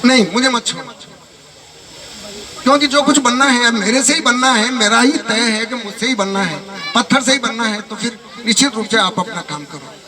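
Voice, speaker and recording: Guy playing a tough stone that says keep going, earnest, high voice, crowd noise. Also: normal speed. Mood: resolute. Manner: earnest, resolute. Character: patient stone willing to endure the chisel. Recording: far from mic, loud crowd.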